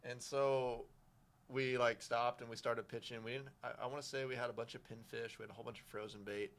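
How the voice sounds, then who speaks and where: A man with an American accent telling excitable fishing stories in casual chat. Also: mid-range voice. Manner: fast, excitable storytelling. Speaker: fishing guide.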